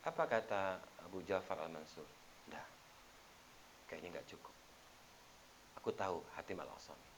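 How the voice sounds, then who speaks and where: A man preaching a sermon as an ustadz, telling stories and acting out the quoted lines with sudden loud bursts. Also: low-pitched, normal speed, pauses often, a little hiss or hum.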